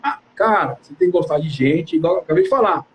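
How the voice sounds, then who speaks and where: A man's voice: on the high side, expressive, fast talker, a little hiss or hum. A man from Brazil, a building manager, chatting animatedly and casually on a live stream, slangy and talking straight to his audience.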